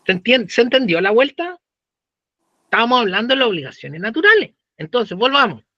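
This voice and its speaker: A Chilean law professor lectures in a high, very bright voice, tossing slang and rhetorical questions at his students. The sound is dry and close, with a dull, lo-fi tone to the recording. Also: sing-song, a little fast, no echo.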